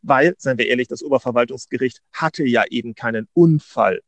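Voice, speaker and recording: A middle-aged man from Berlin co-hosting a podcast, arguing a legal point in a deliberate, wry way with many restarts. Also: mid-range voice, no echo. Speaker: podcast co-host, legal adviser. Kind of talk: casual podcast discussion.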